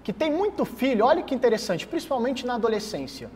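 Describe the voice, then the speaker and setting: Young man explaining, high and lively. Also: quick pace. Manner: explanatory, acts out thoughts in quotes. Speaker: psychologist guest. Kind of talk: explaining in a TV interview. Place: TV studio. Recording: reverberant studio with faint noise.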